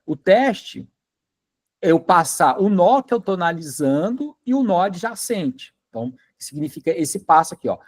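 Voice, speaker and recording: This male lecturer teaches a university class in a relaxed, talkative style, filling his speech with fillers and checking that everyone follows. He has a Brazilian Portuguese accent and a high voice with wide pitch swings, delivered at normal speed.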